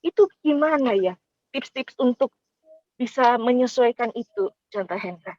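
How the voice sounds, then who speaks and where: Woman, high voice, hesitant with fillers, dry muffled audio. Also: expressive, moderate pace, darkish tone, dry recording. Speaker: participant asking a question. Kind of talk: asking a question in a webinar. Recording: dry, dull lo-fi webinar audio.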